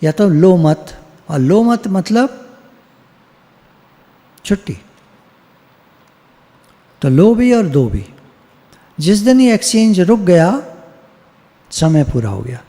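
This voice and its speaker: A man's voice: sits high, big pitch swings, slow pace, pauses often, mellow. A man around sixty, a spiritual teacher, giving an informal devotional talk and repeating phrases for emphasis. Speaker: spiritual teacher leading satsang. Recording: long hall-like reverb.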